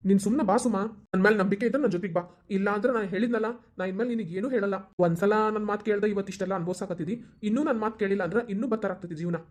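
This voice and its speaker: A woman's voice: mid-range voice, rapid-fire, close to an everyday voice. Woman voicing a persuasive young husband. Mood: urging. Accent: North Karnataka Kannada. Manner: coaxing, reassuring. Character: calm, persuasive young husband, a loyal friend. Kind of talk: cartoon voice acting.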